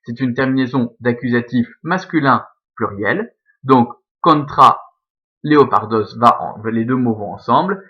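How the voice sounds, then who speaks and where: A man's voice: mid-range voice, measured pace, muffled recording. A man teaching a Latin grammar lesson, explaining patiently step by step and checking in with his students.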